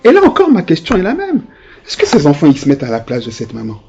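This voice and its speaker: A male pastor gives a chatty, animated sermon, full of hesitations and restarts. His slightly high, husky voice rises and falls widely as he acts out characters from his examples. The recording is dull and lo-fi, with faint music underneath. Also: quick pace. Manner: conversational, with many hesitations and restarts; animated, acting out voices of people in his stories.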